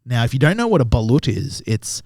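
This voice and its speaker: A man's voice: mid-range voice, big pitch swings, brisk, darkish tone, dry recording. Male guest, young, loose storyteller, does voices, dry mic. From Australia. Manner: swears often, acts out voices in his anecdotes. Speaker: podcast guest, tattoo artist. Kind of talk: casual storytelling chat.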